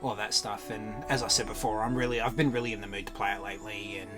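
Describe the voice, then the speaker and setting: Male streamer, lowish voice, casual and rambling, loud game music underneath. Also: flat delivery, quick pace. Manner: hesitant, rambling. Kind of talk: casual gameplay commentary.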